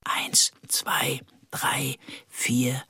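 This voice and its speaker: A man voicing a stubborn boy in an audiobook, counting in a hushed whisper. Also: medium pitch, completely flat delivery, drawn-out words, husky, no echo, studio quality, exaggerated voice.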